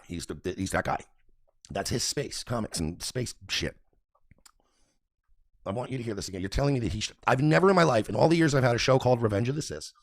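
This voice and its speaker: A man's voice: mid-range voice, dry recording, studio quality. A man hosting a radio show, ranting in a profane, mocking, repetitive way. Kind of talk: ranting commentary.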